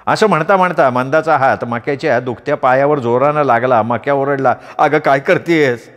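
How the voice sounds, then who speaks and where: A man's voice: mid-range voice, brisk, a bit bright. Male storyteller in an echoey hall. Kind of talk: staged storytelling.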